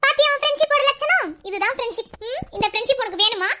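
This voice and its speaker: A breezy young female college student in a cartoon, voiced by a woman. Her voice is very high and sharp, and she teases quickly and dismissively. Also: animated, exaggerated voice. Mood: teasing. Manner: teasing, offhand. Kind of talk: cartoon voice acting.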